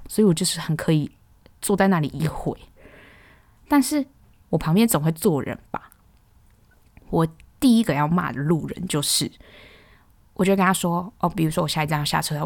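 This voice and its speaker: Young taiwanese woman ranting on her podcast, lowish voice, dry close sound. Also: creaky, dry recording. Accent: Taiwanese Mandarin. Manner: exasperated, animated, exclaims loudly. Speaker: podcast host. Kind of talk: casual ranting monologue.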